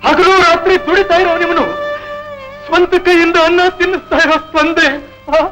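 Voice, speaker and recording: Devout, earnest potter. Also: male voice, extremely high pitch, flat delivery, moderate pace, music in the background, poor audio. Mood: reproachful. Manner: earnest, heartfelt scolding. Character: devout pious male potter, gentle and earnest. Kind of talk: 1970s Indian film drama.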